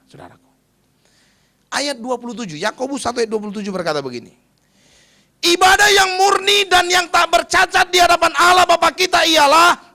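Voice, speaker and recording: A male pastor preaches in a chatty, storytelling manner and keeps calling out to his congregation. His voice sits high and sounds bright, with a gravelly rasp. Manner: chatty storytelling, often addressing the congregation as brothers and sisters. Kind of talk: sermon.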